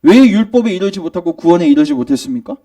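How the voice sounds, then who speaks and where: Emphatic high-voiced male preacher. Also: expressive, quick pace, gravelly, mellow, recorded from a distance. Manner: questions the congregation and answers himself; emphatic, rising in argument. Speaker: pastor. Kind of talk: sermon. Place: church sanctuary.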